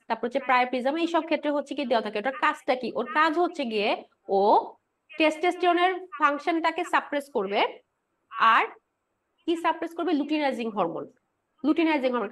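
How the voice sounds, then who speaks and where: Fast, high-voiced woman lecturer quizzing her class. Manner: asks the class rhetorical questions and answers them herself; repeats key points and tags them with a checking "right?". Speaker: pharmacology lecturer. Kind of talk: explanatory lecture with quiz questions.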